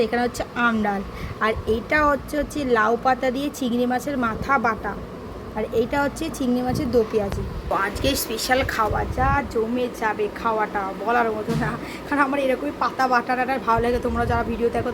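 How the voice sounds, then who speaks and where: High fast-talking woman. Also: fairly even intonation, background noise. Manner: scolding, chatty, addresses viewers directly. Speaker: vlogger. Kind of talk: casual home vlog talk to viewers. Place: home, indoors.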